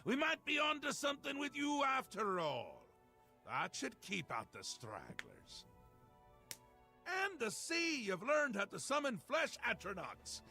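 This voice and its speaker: A man's voice: huge pitch swings, measured pace, creaky, sharp tone, soft background music, heavily acted. A man playing a mad, theatrical ruler-god of madness in a fantasy game, flamboyant and mercurial, swinging between glee and menace. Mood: gleeful mocking. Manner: flamboyant, swinging from gleeful cries to low menace. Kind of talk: fantasy game character acting.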